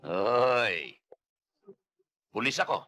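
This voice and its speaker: An older man playing a cocky, blustery police officer who shouts orders. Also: mid-range voice, lively intonation, very slow, exaggerated voice. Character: brash older male cop, cocky tough-talking lawman.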